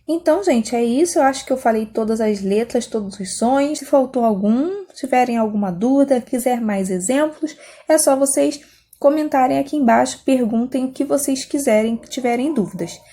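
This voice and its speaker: A woman's voice: high-pitched, moderate pace, mellow. A woman with a Brazilian Portuguese accent explaining a language lesson patiently, often checking in with her students. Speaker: Spanish teacher.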